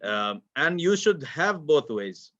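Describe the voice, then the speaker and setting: A man speaking as a panelist in a live discussion, halting, with many pauses and restarts. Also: on the high side, sing-song, fairly bright tone, highs cut off.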